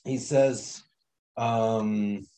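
A man teaching an informal Torah class, explaining slowly and often restarting his phrases. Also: fairly low pitch, steady tone, mellow. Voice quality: many restarts and repeated words, conversational explaining.

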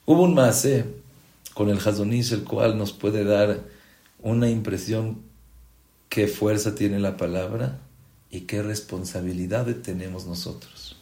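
A man's voice: warm tone, echoey room. A man giving a sermon as a rabbi, telling stories and acting out dialogue, with Hebrew religious terms mixed into his speech. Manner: storytelling, acts out dialogue with big pitch swings. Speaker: rabbi teaching a class.

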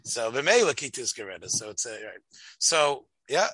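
Emphatic man with bright. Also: medium pitch, very animated, husky, no echo. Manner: argumentative, emphatic, halting with repeated words. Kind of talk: religious debate, conversational.

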